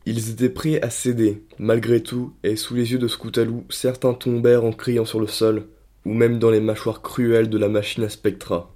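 A man narrating a dark story in a steady, dramatic reading voice. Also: mid-range voice, moderate pace.

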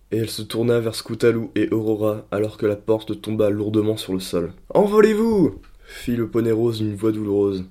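A man narrating a dark story in a steady, dramatic reading voice. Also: on the low side.

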